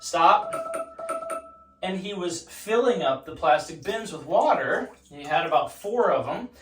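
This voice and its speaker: A man with a somewhat high-pitched voice talks casually as he instructs from a tub of ice cold water. The bathroom rings with echo, and he sounds a little away from the microphone. He addresses the camera like a home vlogger. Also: expressive, measured pace, fairly bright tone, recorded from a distance, soft background music. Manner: speaking while sitting in ice cold water. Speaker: vlogger demonstrating ice baths. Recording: echoey bathroom, off-mic, water noise.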